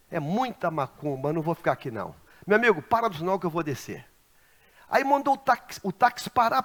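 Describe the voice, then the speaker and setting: A man from Rio de preaching a Pentecostal sermon, telling stories dramatically and swinging from hushed asides to shouts. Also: high voice. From Brazil. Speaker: pastor. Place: large church sanctuary.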